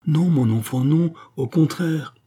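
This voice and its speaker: A man's voice: on the high side, a little slow, mellow, slightly rough, pitched above the performer's own voice. A man reading an anguished father doctor. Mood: tender. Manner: emotional, pleading, rising to outbursts. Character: anguished middle-aged male doctor, a father. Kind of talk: audiobook character reading.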